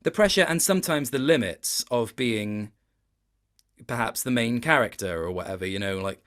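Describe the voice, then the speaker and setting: A man with a medium-pitched voice talks casually as an interview guest, like a working actor discussing his craft. He's thoughtful and a bit self-deprecating, picking his way carefully through each point, with an expressive delivery, moderate pace and fairly bright tone.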